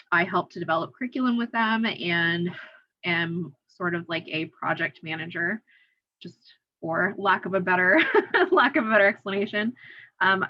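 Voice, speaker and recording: A young woman student introducing herself in a quick, chatty, hedging way on a video call. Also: on the low side, muffled recording. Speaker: undergraduate student.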